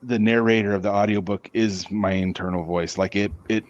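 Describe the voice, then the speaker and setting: Man, podcast guest, low voice, halting and repetitive delivery, dry dull lo-fi sound. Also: fairly even intonation. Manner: halting, with many restarts and repeated words. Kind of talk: casual interview answers.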